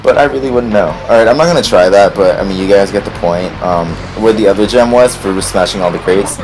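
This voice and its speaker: A man gives rambling, casual commentary over gameplay, turning excitable and swearing whenever things go wrong. His voice sits fairly low and sounds a little strained from a recent bout of voice loss. Game music plays faintly behind him. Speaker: let's play host.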